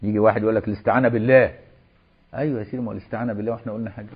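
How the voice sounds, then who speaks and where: Fast-talking Egyptian man teaching. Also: fairly low pitch, flat delivery, slightly rough, dull audio. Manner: switches between formal recitation and chatty colloquial asides. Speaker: religious teacher. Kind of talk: reading a classical text aloud and explaining it.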